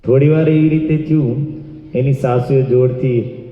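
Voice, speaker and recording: A man's voice: mid-range voice, fairly even intonation, unhurried. Man preaching in a reverberant hall. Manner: narrates and acts out dialogue. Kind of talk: devotional storytelling sermon. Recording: echoey hall, dull lo-fi sound.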